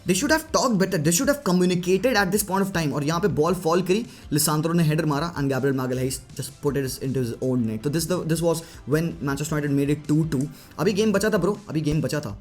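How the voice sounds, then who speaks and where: A man giving a casual, lively tactical breakdown of a football match, chatting to viewers and mixing in English phrases. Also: a little high, slow pace, few pauses, faint music behind. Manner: lively Hinglish commentary, mixing Hindi and English; chatty, addresses viewers as bhai. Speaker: football analyst.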